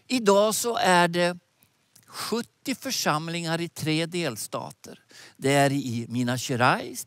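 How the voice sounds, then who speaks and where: A man in his sixties preaching a sermon outdoors with animated gestures, speaking into a headset mic. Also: high-pitched, dry recording. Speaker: preacher and mission leader. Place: outdoors by a lake.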